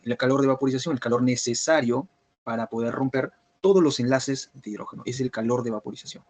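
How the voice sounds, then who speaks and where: A man teaching a biochemistry review class online, who keeps checking whether students follow by asking if everything is clear. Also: medium pitch, fast talker, a little mellow, dry recording. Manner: repetitive, checks understanding with "¿está bien?" and "¿cierto?".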